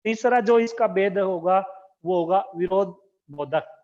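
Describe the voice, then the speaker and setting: Slow, high-voiced male teacher dictating. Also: darkish tone. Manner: asks questions to the class. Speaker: school teacher. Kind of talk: recorded Hindi grammar lesson. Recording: dull lo-fi recording.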